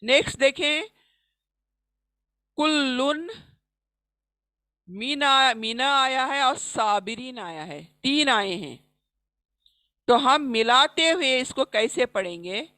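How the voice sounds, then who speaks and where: High-voiced woman teaching recitation. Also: expressive, pushed and bright, no room sound. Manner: explains a rule, then recites the example slowly and stretched. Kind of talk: recorded online lesson.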